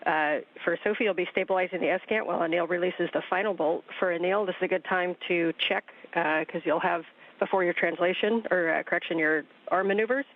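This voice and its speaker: A man acting as mission control communicator, giving calm, careful step-by-step instructions over radio. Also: high voice, a little fast. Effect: radio link. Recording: narrow-band radio link.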